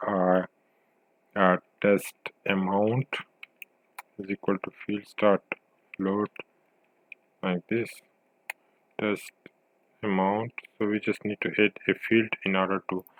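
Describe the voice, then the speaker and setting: A male developer walks through a software tutorial in a screencast, explaining each step in halting, fragmented phrases. His voice sits on the low side, and the audio sounds narrow and tinny.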